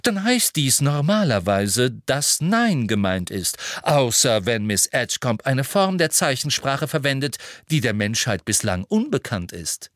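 A man's voice: high-pitched, very animated, a little fast, a bit bright, no echo, clean studio sound, voice pushed up. A man voicing a strict older female professor who speaks curtly and coldly in an audiobook reading. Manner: curt, cold, precise.

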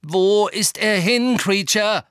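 Urgent shouting teen wizard, put on by a male narrator, high and strained. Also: takes it slowly, clean tone, no echo, studio quality. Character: desperate teenage boy wizard.

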